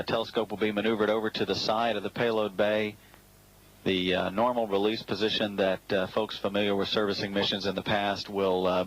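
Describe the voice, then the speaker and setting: Low, monotone male mission commentator. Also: poor audio. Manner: measured, formal, hesitant with frequent filled pauses. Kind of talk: live spaceflight mission commentary.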